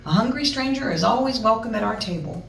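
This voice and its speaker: Kindly old storybook grandma acted by a woman, homely, gently hesitant, welcoming; roomy sound, slightly off mic. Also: on the high side, animated, quick pace, gravelly. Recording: roomy, distant mic, music behind.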